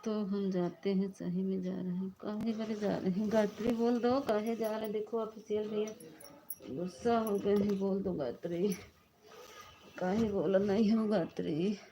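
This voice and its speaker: A woman's voice: medium pitch, steady tone, moderate pace, background noise. A woman with an Awadhi-flavoured Hindi accent, hosting a livestream and chatting casually with viewers in a coaxing way. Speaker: livestream host.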